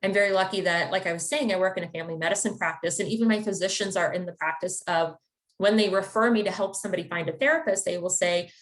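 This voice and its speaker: A woman's voice: lowish voice, fairly even intonation, fast. A woman from the Chicago area, a therapist, giving an informative webinar talk in a conversational, explanatory way. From Chicago area, United States. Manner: conversational and explanatory, with occasional fillers. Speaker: therapist presenting a wellness webinar.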